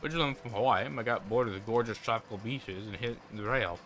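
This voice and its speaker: A man's voice: fairly low pitch, quick pace, a bit bright, slight background noise, lightly acted. A man voicing a cheerful, friendly hobo who talks in an easygoing, folksy way. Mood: chatty. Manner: folksy, easygoing drawl, rural turns of phrase.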